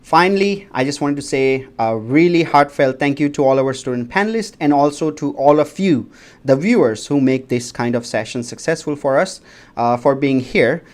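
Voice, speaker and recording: A man's voice: mid-range voice, lively intonation, moderate pace, darkish tone. A man moderating a livestream panel, giving formal notes to viewers in a polite, announcing manner.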